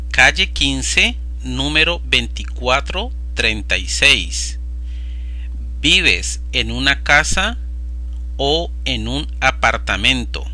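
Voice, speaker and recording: This Spanish lesson is a voice-over on slides, delivered by a man whose medium-pitched voice is bright and forceful. Phrase after phrase, he reads the practice vocabulary aloud slowly and with careful enunciation.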